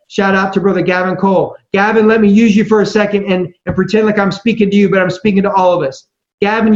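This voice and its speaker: Male preacher, high-pitched voice, earnest conversational exhortation with emphatic phrasing, roomy and slightly dull recording. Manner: earnest, emphatic, slows for scripture and key phrases. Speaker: youth preacher speaking to youth leaders. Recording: echoey room, slightly dull sound.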